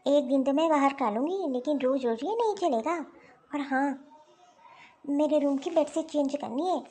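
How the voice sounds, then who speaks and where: Bossy young daughter-in-law, scolding and dismissive, high voice, cartoon voice by a woman. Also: a little mellow, lightly acted. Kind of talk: Hindi cartoon dialogue.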